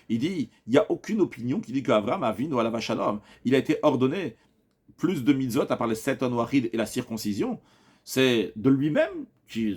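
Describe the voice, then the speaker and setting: A man's voice: mid-range voice, breathy edge. A man giving a Talmud class, walking through the reasoning point by point. His voice rises and falls widely, leaping up on questions. He often restarts a phrase mid-sentence. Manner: explanatory, lively rising questions, frequent restarts. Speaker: Talmud teacher. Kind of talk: Talmud lesson.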